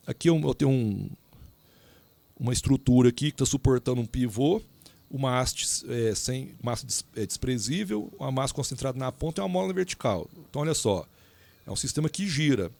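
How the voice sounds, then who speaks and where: A man's voice: mid-range voice, expressive, a little fast, creaky, darkish tone, no echo. A man teaching a recorded engineering lecture in an informal way, speaking straight to his students with asides and restarts. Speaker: engineering professor.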